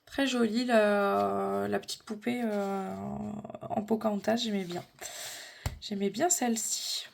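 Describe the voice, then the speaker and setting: A woman's voice: medium pitch, fairly even intonation, slow, creaky. A woman vlogging casually about her favorite coloring book pages, chatty and hesitant with frequent fillers and restarts. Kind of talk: casual chat showing coloring books.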